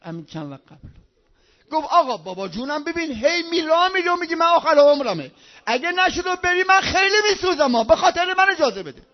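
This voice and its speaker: Guy preaching a sermon, really high voice, goes loud then hushed, kinda dull lo-fi sound. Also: lively intonation. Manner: impassioned, swinging between loud outbursts and hushed low tones. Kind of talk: religious sermon storytelling. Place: speaking over a loudspeaker in Qom. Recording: dull lo-fi recording.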